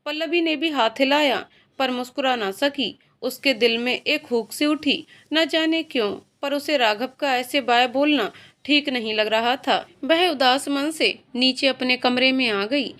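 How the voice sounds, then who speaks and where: A woman's voice: sits high, a bit bright. A woman reading an emotional story aloud as narrator, voicing every character in her own voice.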